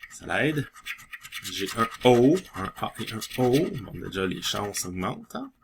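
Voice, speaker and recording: A man's voice: fairly low pitch, sing-song, measured pace, gravelly, noisy background. A man with a Québécois French accent chatting casually as he scratches lottery tickets, reading letters aloud and laughing often.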